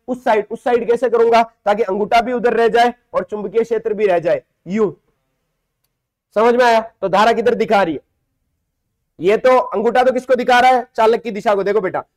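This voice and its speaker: Explaining physics step by step in a classroom lesson, a man with a very high-pitched voice asks his own questions and then answers them, calling the students "beta".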